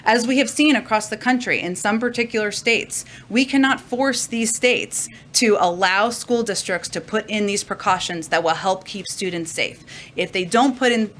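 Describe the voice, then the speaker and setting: A woman's voice: medium pitch, fairly bright tone. Woman press secretary fielding questions, lots of uhs, slight hiss. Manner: measured, many filler "uh"s. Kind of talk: press briefing answers. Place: briefing room.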